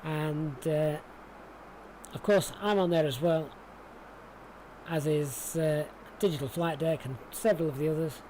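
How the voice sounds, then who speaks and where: The recording is low quality, with clear background noise, as a man from Sheffield speaks in a slightly high, warm voice, a little slowly and with long pauses. In his Yorkshire accent, he gives relaxed, chatty live commentary on a flight simulator stream, thinking aloud and speaking to viewers.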